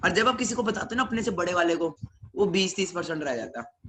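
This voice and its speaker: A young man with a Punjabi accent tells his story with energy, slipping into his family members' voices. His voice is bright and somewhat high. A faint hiss sits behind the recording. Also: a little fast. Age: young adult. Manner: animated, acts out family members' lines. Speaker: young entrepreneur speaking on a webinar. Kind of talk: motivational storytelling talk.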